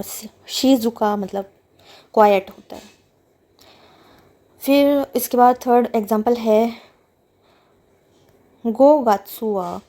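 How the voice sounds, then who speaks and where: A woman teaching Japanese vocabulary step by step, reading each word and then explaining its meaning. Her voice sits a little high but has a mellow, soft tone. She talks patiently and repeats words to make them clear. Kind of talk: explaining a textbook lesson.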